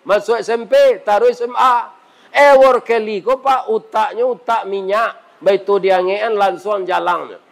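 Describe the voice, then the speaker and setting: A male preacher with a Minangkabau accent delivers a sermon as a lively story. His voice sits high for a man, and he talks in an animated way with flashes of humor. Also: measured pace, creaky, few pauses, low-quality recording.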